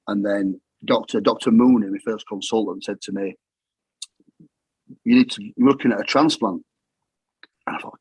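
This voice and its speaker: A man's voice: medium pitch, slightly rough, no room sound, low-quality recording. A middle-aged man with a Yorkshire accent, telling his story in plain-spoken, matter-of-fact talk that often repeats itself. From England. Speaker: guest. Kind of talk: casual storytelling.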